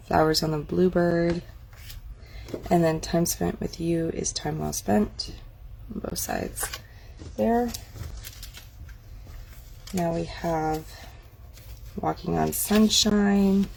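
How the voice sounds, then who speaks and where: A woman's voice: on the low side, steady tone, takes it slowly, gravelly, pauses often, darkish tone, slight background noise. A woman casually walking viewers through a craft catalog, chatty and admiring, thinking aloud as she goes. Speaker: craft demonstrator. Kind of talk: casual product walk-through.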